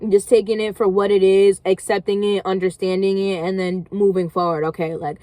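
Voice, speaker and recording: A woman's voice: mid-range voice, flat delivery, a little fast, mellow, dry recording. A young woman, talking casually in a vlog, encouraging viewers in a rambling way full of "like". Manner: rambling, heavy use of "like", encouraging. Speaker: vlogger. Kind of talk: casual motivational talk.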